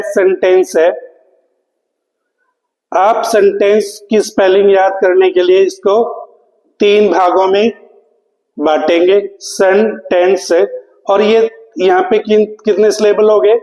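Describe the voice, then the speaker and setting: A man's voice: sits high, a little mellow, roomy sound, in a large hall, rough recording. A man teaching English spelling to exam students, spelling words out letter by letter and asking the class questions he then answers himself. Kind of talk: exam prep lecture.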